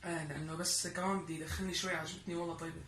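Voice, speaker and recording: Young man chatting quickly in an echoey room. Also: fairly high pitch, flat delivery, fairly bright tone. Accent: Levantine Arabic. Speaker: YouTube co-host. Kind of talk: casual phone chat. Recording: echoey room, faint noise.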